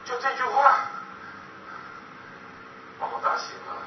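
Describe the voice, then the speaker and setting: A man's voice: extremely high pitch, huge pitch swings, takes it slowly, very noisy. A man giving an impassioned public testimony speech, fervent and full of repeated rhetorical questions. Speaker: speaker giving a personal testimony. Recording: echoey hall from far off, dull and lo-fi.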